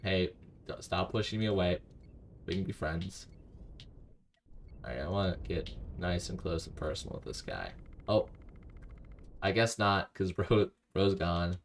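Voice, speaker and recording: While streaming a game, a man with a deep, gravelly voice rambles to himself in a low-key, slow way, reading viewers' messages aloud between moves. He sounds animated at times. There's a little hiss or hum in the background of this casual live-stream commentary.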